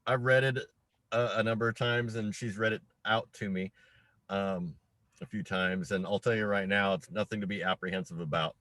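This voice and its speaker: Male co-host, low-pitched yet bright, reassuring, dry close sound. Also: steady tone, normal speed, no room sound, rough recording. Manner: reassuring, friendly, direct. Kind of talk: casual chat.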